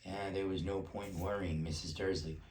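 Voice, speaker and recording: A dad reads a bedtime storybook aloud in a relaxed, unhurried way. His voice is low and deep. The sound is roomy, with the mic at a distance and faint noise behind him. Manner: relaxed, breaks off to chat with child. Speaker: parent reading a bedtime story.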